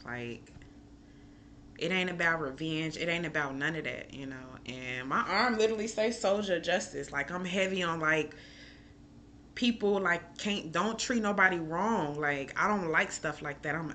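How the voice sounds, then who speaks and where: A woman from Chicago talks in a casual vlog, open and emotional, drifting from thought to thought with plenty of "like" and "um." Her voice has a bright, forward edge, with faint background noise behind it. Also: deep voice. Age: adult with a school-age son. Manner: candid, emotional, rambling with many fillers. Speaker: chef and mom. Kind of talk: casual personal vlog talk.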